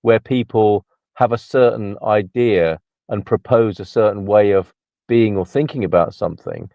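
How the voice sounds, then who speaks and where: Gravelly low-voiced man, wry and reflective. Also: moderate pace, dry recording, highs cut off. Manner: wry, reflective, gently teasing. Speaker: host. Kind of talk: casual live-stream chat.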